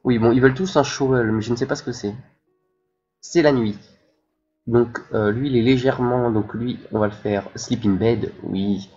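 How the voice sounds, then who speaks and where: A man narrates his game session as a let's play, talking his choices through with frequent pauses and fillers. His voice sits at a middle pitch. The sound is slightly dull and lo-fi, with soft game music underneath. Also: fairly even intonation, slightly rough. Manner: thinking aloud, hesitant, many fillers. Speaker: gaming channel host.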